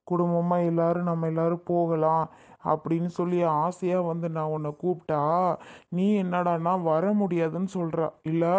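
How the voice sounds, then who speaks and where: A woman's voice: on the low side, darkish tone, lightly acted. A woman playing an emotional grown man, a doting elder brother who sulks and pleads in a family comedy skit. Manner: pleading, tearful and sulky.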